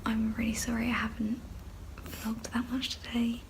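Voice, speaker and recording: A young woman whispering quietly to her phone camera as she vlogs. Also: a little high, completely flat delivery, normal speed. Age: young adult. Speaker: vlogger. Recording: phone recording with clear background noise.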